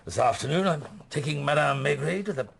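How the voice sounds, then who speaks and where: In a radio play, a man with a fairly high, creaky voice and lively intonation plays a middle-aged police inspector on holiday who seems retired. Speaking fairly quickly yet hesitantly, the curious husband muses and mulls things over in a dry, musing mood.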